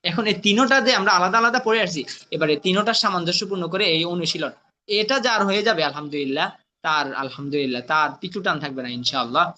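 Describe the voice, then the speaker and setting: A man teaching Arabic letter reading, spelling out syllables slowly and often checking with his students. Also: sits high, expressive, pushed and bright. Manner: slow drawn-out syllables, frequent checking "right?". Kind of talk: spelling-out recitation lesson. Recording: muffled lo-fi sound.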